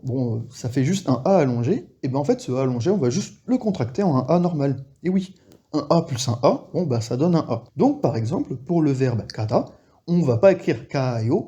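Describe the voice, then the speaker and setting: A man's voice: medium pitch, mellow, slightly rough. A young man teaching an online language lesson, explaining rules patiently in a casual way.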